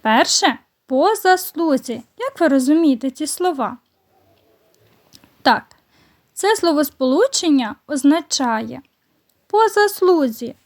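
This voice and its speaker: A woman primary school teacher giving a recorded lesson to young children, slowly and patiently explaining each word. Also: high-pitched, a little mellow.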